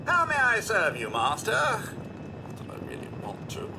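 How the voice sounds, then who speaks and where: An actor playing a prim, too-smooth male android butler in a game, speaking in servile phrases with a sardonic aside. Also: sits high, huge pitch swings, measured pace, noisy background, full character voice. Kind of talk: recited poetry in a game.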